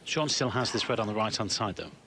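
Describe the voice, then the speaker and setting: A man's voice: lowish voice, fast talker, sharp tone. A man giving snooker commentary as a co-commentator, analysing the shots. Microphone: commentary microphone. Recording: noisy arena with crowd sound. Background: crowd and arena noise.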